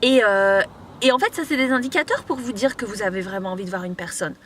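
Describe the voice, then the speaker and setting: Young woman from mauritius chatting advice to a camera on a tripod in her car, bright voice, lots of ums and restarts, faint hum behind. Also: medium pitch, fast. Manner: chatty, many fillers and restarts. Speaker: vlogger giving life advice. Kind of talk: casual advice vlog. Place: inside a parked car.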